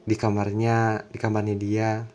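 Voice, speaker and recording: A man telling a personal story in a casual, confiding, halting way. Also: on the low side, completely flat delivery, darkish tone.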